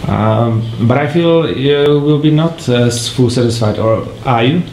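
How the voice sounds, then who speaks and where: A man's voice: medium pitch, measured pace, a little mellow. A man asking post-game interview questions with hesitant phrasing. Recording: echoey room, faint noise.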